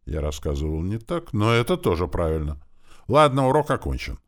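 A stern, sarcastic schoolmaster, as a male narrator voices him, with a deep voice and a mocking, drawn-out way of speaking. His delivery rises and falls with wide swings as he needles his pupil. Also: very animated, no room sound, studio quality. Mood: thoughtful. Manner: sarcastic, drawling.

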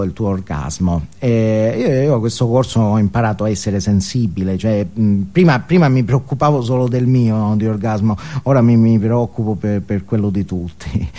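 An actor performs a comic stage monologue as a neurotic, ashamed, self-absorbed man who stammers and repeats words while justifying himself. His voice is fairly low, mellow and lightly acted.

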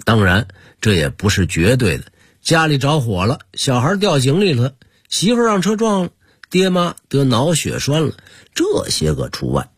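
Beijing-accented man for a radio host, husky, very animated pitch, storyteller delivery. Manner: lively storyteller, drawn-out emphasis. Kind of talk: storytelling radio talk on old customs.

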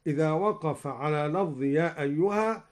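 A man teaching Quran recitation, explaining reading variants in a measured, formal way and chanting each quoted verse in slow recitation, recorded in a radio studio. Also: a little high.

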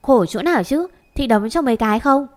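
A woman voicing a quick-tempered young woman who snaps at her younger sister. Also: fairly high pitch, lively intonation, close to an everyday voice. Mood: snappish. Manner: snappish, scolding.

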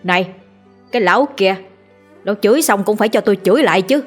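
A woman's voice: mid-range voice, fast talker, soft background music, natural voice. Woman doing a squawking cranky old man. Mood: indignant. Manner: squawking, indignant. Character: bumbling cranky old man, quick to squabble.

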